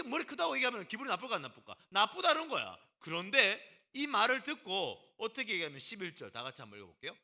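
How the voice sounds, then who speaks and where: A male pastor preaching a lively sermon to a youth group, teasing the students, calling on them by name and acting out what people say. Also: high voice. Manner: animated, teasing, acts out quotes and calls on students by name.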